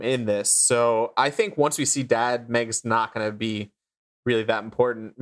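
A man's voice: medium pitch, a bit bright. A man chats on a podcast in his ordinary middle-range voice, drifting through thoughts with frequent ums and restarts. He keeps it loose and conversational. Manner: rambling, many fillers. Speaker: podcast co-host. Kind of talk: casual podcast chat.

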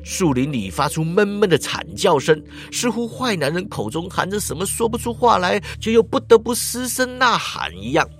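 Male storyteller: lively dramatic narration, higher than average. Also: faint music behind. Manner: lively, with drawn-out particles and sound effects.

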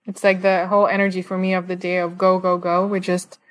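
Even-toned woman interviewer in conversation. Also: on the low side, fairly quick.

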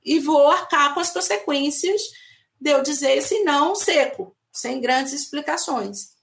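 A woman speaks in a notably high voice. She makes firm, blunt, emphatic points in a casual group discussion. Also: unhurried, vocal fry, a bit bright. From Northeastern Brazil. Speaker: discussion panelist.

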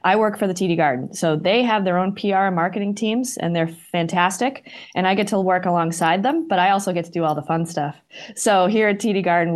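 A middle-aged woman speaks with a Boston accent in a voice a little lower than average. Her delivery is casual and chatty, that of a guest talking through her work in an interview. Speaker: interview guest, arena marketing director.

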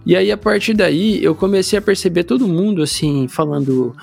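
Man, Brazilian accent, casual podcast chat, slangy storyteller, gravelly voice, faint background music. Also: sits high, normal speed, darkish tone.

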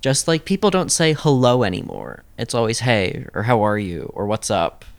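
A man's voice: medium pitch, sing-song, moderate pace, vocal fry, no echo. A man talking casually as a podcast guest, hesitant and full of "like" fillers. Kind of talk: casual chat.

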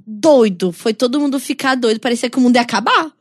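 A woman's voice: fairly high pitch, fast talker, no room sound, clean studio sound. A young adult woman co-hosting a podcast, chatty and enthusiastic, cheering on her friend. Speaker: podcast co-host. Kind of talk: casual chat among friends.

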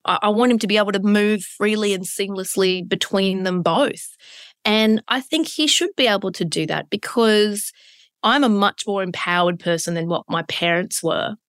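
A woman's voice: mid-range voice, moderate pace, fairly bright tone, clean tone, dry recording, studio quality. Candid woman with broad Australian accent. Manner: candid, emphatic, piles up synonyms. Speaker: interview guest. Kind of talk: reflective conversational interview.

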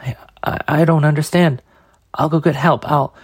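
A man's voice: on the low side, a little slow, warm tone, husky, no echo, clean studio sound, voice pushed up, heavily acted. A man voicing a frightened young man who stammers and speaks in a flustered way.

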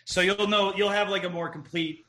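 A man's voice: sits high, steady tone, moderate pace, pushed and bright. A man chatting casually as a podcast guest, with wry, joking interjections. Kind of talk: casual chat.

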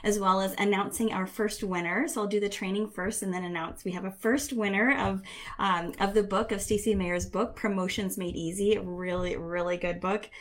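A woman's voice: medium pitch, fairly even intonation, normal speed. Chatty woman coach speaking live online. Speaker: career and leadership coach, summit host. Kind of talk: live online training, casual chat.

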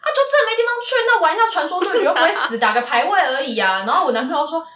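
A woman co-hosting a casual podcast, telling a travel story in a lively way and acting out the lines she quotes. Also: rapid-fire, a little hiss or hum. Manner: lively, acts out quoted lines with big pitch jumps. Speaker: podcast co-host. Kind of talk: casual chat, animated storytelling. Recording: echoey room.

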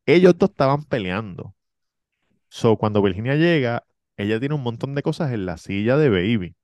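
A man's voice: medium pitch, moderate pace, dry recording, highs cut off. A man telling a travel story in casual chat, acting out the people in it. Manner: animated, acts out the people in his story. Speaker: podcast host.

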